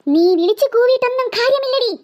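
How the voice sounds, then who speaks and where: A woman voicing a menacing female ghost who poses as a little girl and makes slow, gloating threats in a cartoon. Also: very high voice, expressive, a little hiss or hum. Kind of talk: cartoon voice acting.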